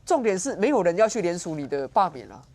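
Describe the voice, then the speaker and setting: Sharp-tongued woman commentator. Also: fairly low pitch, sing-song, fast. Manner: sharp, sarcastic, argumentative. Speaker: political commentator guest. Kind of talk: TV political talk show commentary. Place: TV studio.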